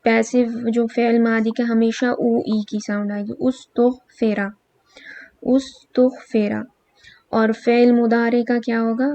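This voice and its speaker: Slow-drilling woman teacher, gravelly voice. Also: a little high, monotone, warm tone. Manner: patient, drilling verb forms slowly. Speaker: Arabic grammar teacher. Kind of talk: recorded lesson, slow recitation drills. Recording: dull, lo-fi, dry.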